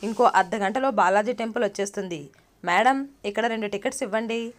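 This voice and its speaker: A woman storyteller voicing a loud, quarrelsome male bus passenger who demands his ticket and boasts of his family's honour. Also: medium pitch, brisk, lightly acted. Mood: indignant, demanding. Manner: shouting, demanding, self-righteous.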